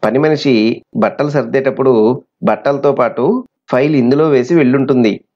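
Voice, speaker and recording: Man reading as a mother explaining, apologetic, mid-pitched male voice, muffled. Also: normal speed, darkish tone, lightly acted. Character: forgetful middle-aged mother, apologetic. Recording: slightly muffled recording.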